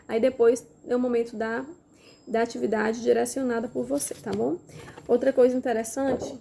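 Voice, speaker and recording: Gravelly-voiced woman teacher explaining to parents. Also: fairly high pitch, dark tone, a little hiss or hum. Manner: demonstrates with materials, asks questions as if to a child. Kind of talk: casual instructional talk.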